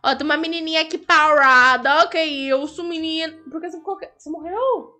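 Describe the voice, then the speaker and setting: Brazilian girl super high voice, jokey and teasing while gaming, bright tone. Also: fairly quick. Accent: Brazilian Portuguese. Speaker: co-player in a game video. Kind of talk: casual gameplay chat.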